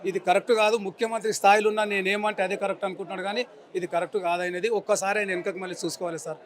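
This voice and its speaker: Stopped for a street interview, this member of the public, a man in his forties with a Telangana Telugu accent, angrily and emphatically repeats his insults. His high voice comes out rapid-fire with fairly even intonation.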